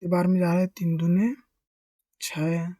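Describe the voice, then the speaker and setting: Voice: mid-range voice, flat delivery, a little slow, warm tone, no echo, studio quality. A maths teacher giving a step-by-step lesson, asking questions and answering them, and keeping to a friendly address to the viewers. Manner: keeps addressing listeners as friends.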